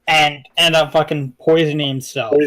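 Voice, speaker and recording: A man jokes crudely and loudly on a casual podcast, his voice on the high side. His mic sits far off, with chatter behind him. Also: fairly even intonation, moderate pace. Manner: loud, crude joking. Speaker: podcast co-host.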